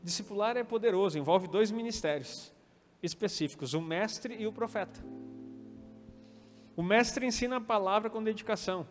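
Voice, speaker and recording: A man's voice: sits high, moderate pace. A man with a Brazilian Portuguese accent preaching a sermon as pastor, acting out quoted lines and calling for amens. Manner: preaching with quoted dialogue and calls of amen. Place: church hall. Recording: reverberant hall with faint music.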